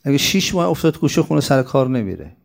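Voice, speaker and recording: A man giving a sermon-style talk in an animated way, asking rhetorical questions and running through long lists. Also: medium pitch, vocal fry.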